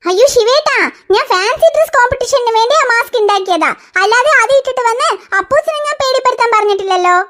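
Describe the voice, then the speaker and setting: A fussing cartoon mother, played by a woman who scolds in an exasperated way. Her voice sits extremely high and squeaky, almost childlike. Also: lively intonation, quick pace, hardly any pauses, fairly bright tone. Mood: explaining. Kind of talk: cartoon voice acting.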